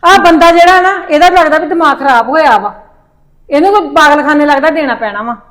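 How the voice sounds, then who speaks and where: A middle-aged woman with a high voice rants and scolds at length, complaining bitterly in a family drama. Her voice stays bright and high throughout the tirade. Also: a little fast. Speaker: mother-in-law in a family drama. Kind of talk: Punjabi family drama acting.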